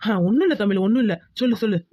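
A woman's voice: mid-range voice, rapid-fire, dull audio, close to an everyday voice. A woman voicing a young village groom in a cartoon, soothing but firm and insistent. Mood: guarded. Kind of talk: cartoon voice acting.

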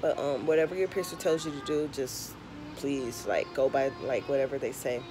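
A woman's voice: very deep voice, normal speed, music in the background, poor audio. A young woman with a slight lisp from a tongue piercing, chatting frankly and casually as she gives advice to camera. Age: young adult. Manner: frank, conversational advice-giving. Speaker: vlogger. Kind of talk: casual vlog chat. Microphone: camera or phone at arm's length. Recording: clear background noise, home camera recording.

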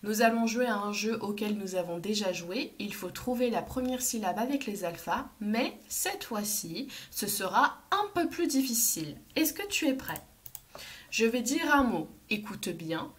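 A woman teacher, giving a phonics lesson to young children and stretching out each syllable, with loud stressed words. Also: mid-range voice, lively intonation, unhurried.

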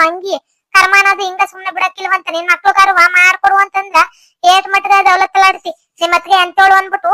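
A woman voicing a defiant, sharp-tongued village woman in a cartoon, with a North Karnataka Kannada accent. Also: very high-pitched, dry recording. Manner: taunting, lecturing. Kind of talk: cartoon voice acting.

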